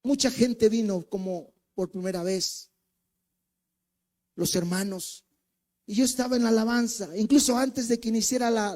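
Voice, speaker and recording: A man whose voice sits high, speaking with a Mexican accent, preaches as a co-pastor in church. He relates a personal story, performing the voices and swinging between loud and hushed speech with animation.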